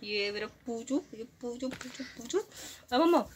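Woman, home vlogger, chatty, teasing, playful, fairly high voice, faint room hum. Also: lively intonation, measured pace. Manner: chatty, playful, teasing toward her child. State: sweaty after play-fighting. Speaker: vlogger and mother. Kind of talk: casual home vlog chat.

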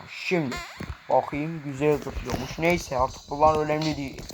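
A man's voice: on the high side, darkish tone, a little hiss or hum. A young man commenting on his own gameplay, brashly taunting enemies and talking to viewers.

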